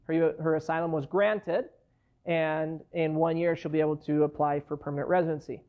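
A man's voice: on the high side, little pitch movement, normal speed. A man in his thirties, an immigration lawyer, giving a conversational classroom lecture from a lectern and explaining through worked case examples. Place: university lecture hall, standing at a lectern. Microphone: far camera in the room. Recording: dull lo-fi classroom recording.

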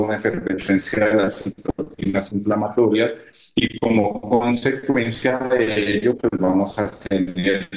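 A man giving a measured technical lecture on a video call, his voice breaking up and cutting out over an unstable connection. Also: lowish voice, echoey room, rough recording. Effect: choppy, breaking-up call audio. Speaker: lecturer at a medical academic week. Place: echoey room.

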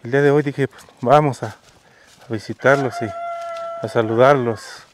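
A man with a Mexican Spanish accent hosting an on-location vlog outdoors in a rural village, speaking in a folksy, warm way. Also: medium pitch, steady tone, moderate pace, noisy background. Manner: warm, folksy, talks gently to children. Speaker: host.

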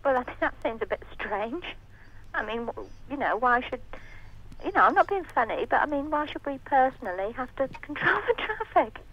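A woman's voice: high-pitched, big pitch swings, moderate pace. A woman talking politely on a telephone line, hedging her words with frequent "I mean". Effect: heard over a telephone line. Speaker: prank call target. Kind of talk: casual phone conversation.

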